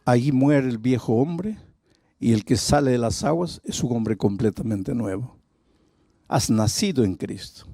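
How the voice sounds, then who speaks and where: A man's voice: mid-range voice, dark tone, no room sound, studio quality. A male pastor preaching a sermon, telling a story dramatically and vividly.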